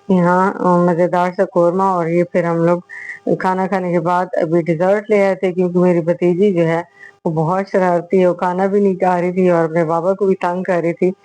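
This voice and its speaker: A middle-aged woman chatting through a voice-over for her home vlog, unhurried, with drawn-out fillers between thoughts, recorded close on a small mic. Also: on the low side, darkish tone, no echo, poor audio. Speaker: vlogger, host. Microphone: voice-over on a small clip-on mic.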